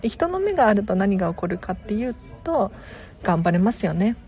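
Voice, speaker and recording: A woman hosting a live stream as a tidying consultant, chatting politely and casually with viewers, laughing softly now and then. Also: mid-range voice, very animated, a little fast.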